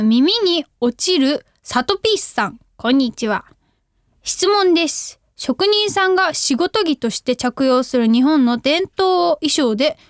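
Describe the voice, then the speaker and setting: On her radio show, a young host in a high-pitched voice reads letters from listeners in easygoing chat, giggling, bubbly, and at times hollering catchphrases. The audio is clean studio sound without any echo.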